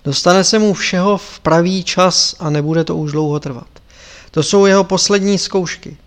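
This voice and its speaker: A man reading the part of a stern elderly lama teacher, solemn and commanding. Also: sits high.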